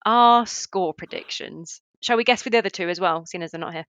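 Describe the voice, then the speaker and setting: A woman hosting a casual football podcast, chatty and quick to laugh as she steers the talk. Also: fairly low pitch, a bit bright, no room sound, lo-fi sound. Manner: laughs easily, loose and chatty. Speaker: podcast host.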